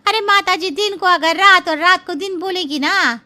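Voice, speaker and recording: A woman's voice: very high voice, normal speed, pushed and bright, exaggerated voice. A woman voicing a talkative housemaid in a cartoon who protests and praises her own work. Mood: protesting. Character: chatty self-praising housemaid.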